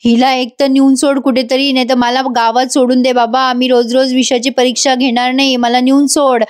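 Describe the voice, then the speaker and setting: Dramatic complaining old aunt, read by a woman, high voice, whiny. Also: flat delivery, moderate pace, lightly acted.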